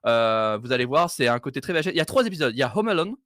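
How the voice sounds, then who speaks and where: Male streamer, bright animated delivery, dry close mic, self-deprecating jokes. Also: medium pitch, racing, no echo. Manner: joking, self-mocking, animated. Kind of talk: casual live stream chat.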